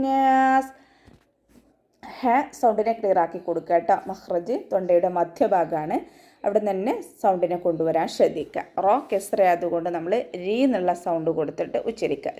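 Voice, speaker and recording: A woman teaching Quran recitation in an online tajweed lesson, giving steady step-by-step instruction and often ending with a gentle check-in. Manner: breaks into slow, high, sustained chanting for verse examples.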